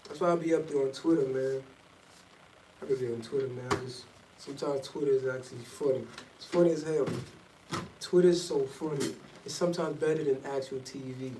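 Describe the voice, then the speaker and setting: A man's voice: medium pitch, fairly even intonation, fairly quick, dark tone. A man chatting casually and candidly to himself in a loose, rambling, slangy way, like a vlogger. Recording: distant mic in echoey, noisy room.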